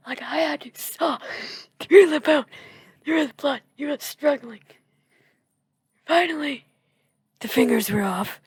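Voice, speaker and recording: A woman with a slightly high voice and a breathy edge whispers casually as she plays a video game, rambling and musing along the way. She's a video creator, the whispered gameplay chat has no echo.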